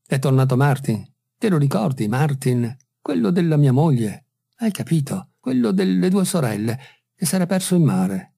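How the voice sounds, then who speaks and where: A man's voice: a little high, big pitch swings, moderate pace, creaky, warm tone, slightly rough, no echo, studio quality, exaggerated voice. A man voicing a blunt, practical village fisherman who calls out heartily to the innkeeper. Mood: hearty.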